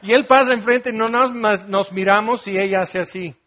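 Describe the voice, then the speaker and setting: Middle-aged man preaching, high-pitched voice, lively and theatrical, slightly muffled recording. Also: moderate pace, a little hiss or hum. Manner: animated, acts out scenes with shouts and laughs. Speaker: pastor. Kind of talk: sermon.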